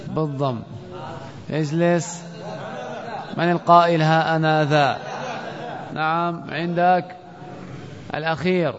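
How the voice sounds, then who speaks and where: A man's voice: on the high side, fairly even intonation, takes it slowly, pauses often, crowd noise. A man teaching a classroom grammar lesson, quizzing students and calling on them by name. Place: classroom or mosque hall. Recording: lo-fi recording with long hall reverb.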